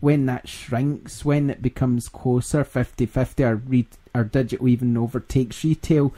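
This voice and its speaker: A man's voice: mid-range voice, steady tone, normal speed, mellow. A Scottish man hosting a gaming podcast in casual chat, laughing often and rambling. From Scotland. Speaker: podcast host.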